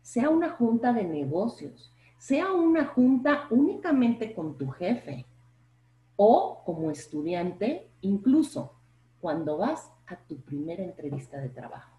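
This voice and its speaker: Slow, expressive Mexican woman professor. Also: medium pitch, reverberant, highs cut off. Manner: expressive, plays up intonation, asks rhetorical questions. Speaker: professor, podcast guest. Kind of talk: explanatory talk on public speaking.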